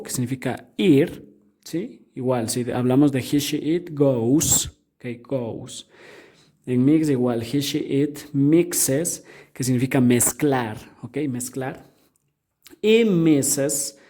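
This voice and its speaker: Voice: mid-range voice, darkish tone. An English teacher, patiently explaining grammar to students, repeating each point and often checking that they follow.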